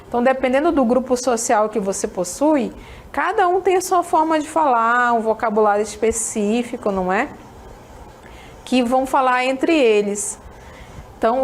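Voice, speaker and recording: A high-leaning female voice carries a little hiss or hum on the recording. She teaches a recorded English class in an Amazonas accent from northern Brazil, scattering tag questions to her students throughout.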